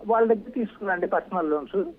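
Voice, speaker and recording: Man calling in, halting and upset, high voice, phone-line sound. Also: slight background noise. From Andhra Pradesh. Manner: distressed, halting. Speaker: caller. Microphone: phone call.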